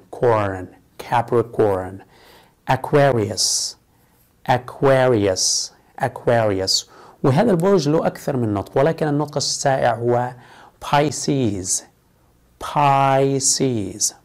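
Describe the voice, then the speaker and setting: Guy teaching english words, says each one slow a few times, easy relaxed arabic in between. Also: mid-range voice. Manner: says each English word slowly several times for learners to repeat; relaxed, explains in quick conversational Arabic. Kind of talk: vocabulary lesson in Arabic with English drill words.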